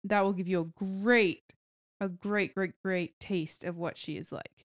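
A woman's voice: on the low side, steady tone, a little slow. Chatty, laughing woman co-host. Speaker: podcast co-host. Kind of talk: casual chat.

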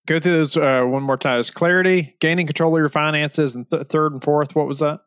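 A man's voice: fairly high pitch, fairly even intonation, a little fast, a bit bright, clean tone, dry recording, clean studio sound. A man hosting a podcast, asking friendly prompting questions and closing the show. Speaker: podcast host.

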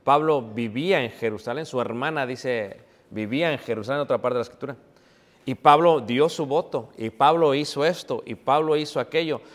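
Male preacher, middle-of-the-road pitch, reverberant church sound, rhetorical questions, addresses listeners as brothers. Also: fairly quick. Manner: asks the congregation rhetorical questions and answers them; keeps calling his listeners brothers. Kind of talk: sermon.

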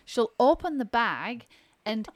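A woman in her thirties, co-hosting a casual chat, loud and teasing, laughing often. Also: on the high side, sing-song, takes it slowly, no room sound. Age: 30s. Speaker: podcast co-host.

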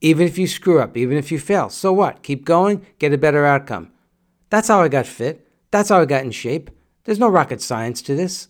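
A man's voice: a little high, animated, normal speed. A middle-aged man hosting a podcast, giving a direct, repetitive motivational monologue in a coaching tone. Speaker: podcast host.

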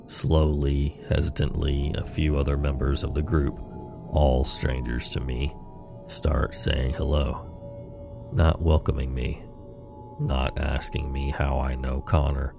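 A man hosting a horror podcast, narrating scary stories in a slow, ominous horror-host manner. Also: very deep voice, flat delivery, creaky, over music.

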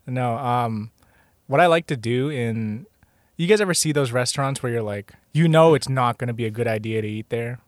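A young man chatting casually on a podcast, rambling through a story with plenty of "like" and "um." His voice sits at a middle pitch and sounds close and dry, with no room around it. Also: moderate pace, dry recording. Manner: storytelling, full of "like" and fillers. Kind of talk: casual chat.

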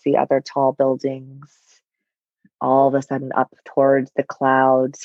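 A woman leads a guided meditation very slowly and softly. Her breathy voice carries a gravelly fry and drifts toward a near-whisper, with long soothing pauses. The recording is dry and a little dull. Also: sits low, dry recording.

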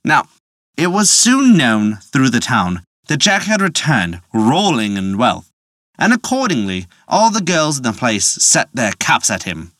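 A storyteller reading a folk tale in a lively, playful way, adding wry asides. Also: mid-range voice, a little slow, no echo.

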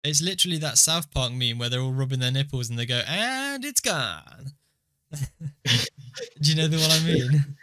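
A man's voice: medium pitch, quick pace, pushed and bright, a little hiss or hum. A man co-hosting a podcast in casual chat, joking around and laughing easily. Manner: chatty, laughs easily, riffs on jokes. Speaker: podcast co-host.

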